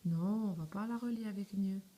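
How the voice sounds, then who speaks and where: A woman's voice: mid-range voice, normal speed, mellow. A young woman teaching young children to spell, patiently asking questions, answering them herself and checking that they follow. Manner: patient, asks and answers her own questions; spells words letter by letter, often checks "d'accord?". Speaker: primary school teacher. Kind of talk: slow step-by-step spelling lesson.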